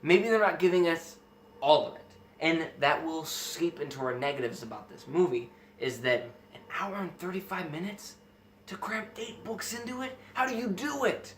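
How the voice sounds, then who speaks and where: A man's voice: fairly high pitch, normal speed. A man hosting a casual film review, talking emphatically and with enthusiasm. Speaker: host of a film review show. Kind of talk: casual movie review chat. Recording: roomy echo, faint background noise.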